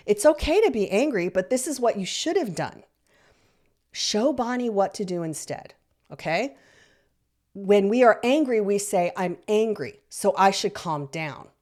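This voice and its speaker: Encouraging woman coaching parents. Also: medium pitch. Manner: encouraging, repeats points and checks in with "okay?". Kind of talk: instructional talk to parents.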